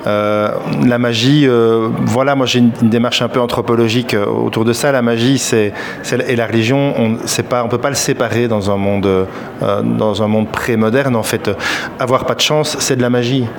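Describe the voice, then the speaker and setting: A man's voice: mid-range voice, steady tone. Hesitant man musing aloud. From Belgium. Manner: thoughtful, hesitant, many filler pauses. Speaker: fantasy author. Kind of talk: reflective interview answers.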